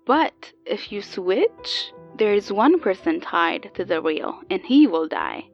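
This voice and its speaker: A woman playing a calm AI copy of an older woman, heard over an old telephone line, explaining patiently and a little haltingly. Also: medium pitch, gravelly, faint music behind, exaggerated voice. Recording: dull lo-fi phone sound, dry.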